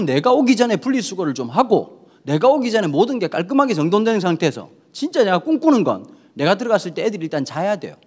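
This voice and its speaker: A middle-aged male pastor giving a sermon, telling the story with lively acted-out dialogue. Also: high-pitched, slightly rough. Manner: lively storytelling, acting out quoted characters in dialogue.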